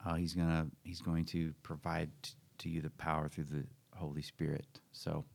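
A man's voice: very deep voice, flat delivery, moderate pace, creaky, darkish tone. A man, a church pastor, chatting casually and encouraging listeners on a podcast. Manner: encouraging, conversational. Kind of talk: casual chat.

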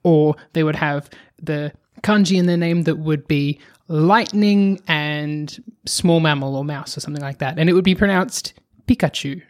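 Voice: mid-range voice, moderate pace. A podcast co-host in casual chat who explains at length, speeding up in bursts and sighing now and then.

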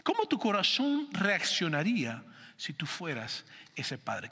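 A pastor preaches in a church, his bright, somewhat high voice rising and falling with great animation. He tells stories and quizzes the congregation, and a long hall reverb trails each phrase. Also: husky. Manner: animated storytelling, questions to the congregation. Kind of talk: sermon.

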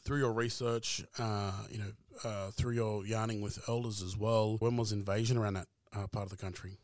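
A man hosting a podcast interview, talking in a relaxed way with many "uh" fillers. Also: fairly low pitch, moderate pace, no room sound. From Australia. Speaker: podcast host. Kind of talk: casual interview chat.

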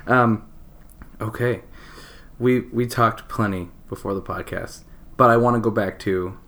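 A man's voice: fairly low pitch, measured pace. A man hosting a podcast, chatting casually over beers, rambling and laughing as he talks. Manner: laughs often, relaxed and rambling. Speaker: podcast host.

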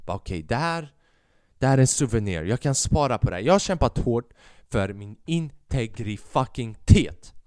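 A man's voice: medium pitch, no echo, clean studio sound. Swearing young podcast man. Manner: animated, swears a lot, mixes in English phrases. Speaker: podcast host. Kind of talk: casual solo podcast monologue.

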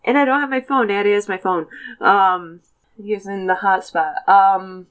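A woman's voice: mid-range voice, measured pace, clean tone. A woman from the United States in a casual brainstorming chat, rambling with lots of fillers and frequent giggles.

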